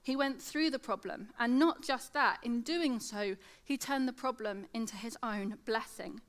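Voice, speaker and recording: A woman's voice: fairly high pitch, a little slow. A woman in her thirties with a lateral lisp that turns s sounds slushy, giving a devotional talk. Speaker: secondary school teacher giving a devotional talk. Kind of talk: sermon, devotional talk with scripture reading.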